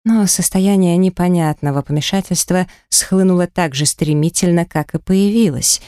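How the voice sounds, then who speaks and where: Woman reading a tense audiobook, smooth voice. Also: fairly low pitch, warm tone, no room sound, studio quality. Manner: tense, emotional dramatic reading. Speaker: audiobook narrator. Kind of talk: first-person audiobook narration. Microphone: close studio mic.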